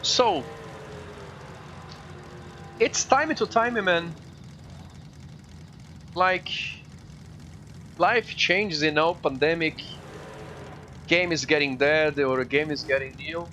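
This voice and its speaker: A man chats easily with his viewers while he races, his English halting and not his first language. His voice sits a little high, with a forceful, bright edge. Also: a little hiss or hum. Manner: chatty, addresses viewers directly; halting, non-native English phrasing. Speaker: live streamer. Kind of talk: casual chat while gaming.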